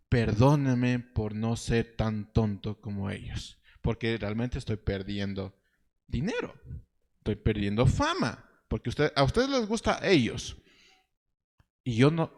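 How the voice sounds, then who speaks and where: A man preaching a sermon in an animated, ironic way, reading verses slowly and pitching quoted lines up high. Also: big-room sound. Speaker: pastor.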